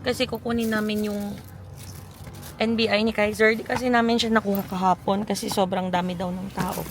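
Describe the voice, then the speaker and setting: Paos na babaeng vlogger, maingay ang paligid. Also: female voice, medium pitch, fairly even intonation, fairly quick. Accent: Filipino. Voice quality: husky. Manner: chatty, switching between Tagalog and English, addressing viewers as moms. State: hoarse from a cold. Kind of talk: casual vlog chat. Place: outdoors and in a car around town. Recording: noisy outdoor phone vlog with traffic.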